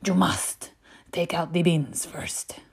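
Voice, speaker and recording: A woman's voice: fairly low pitch, flat delivery, gravelly, breathy edge, in a whisper, heavily acted. A woman voicing her dramatic, panicky mother, gasping and drawing out her words. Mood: stern. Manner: gasping, drawn-out, theatrical.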